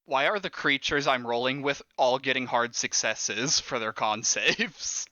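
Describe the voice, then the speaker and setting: A man running a tabletop horror game as game master, animated, laughing and swearing casually. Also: mid-range voice, a little slow, no room sound, highs cut off.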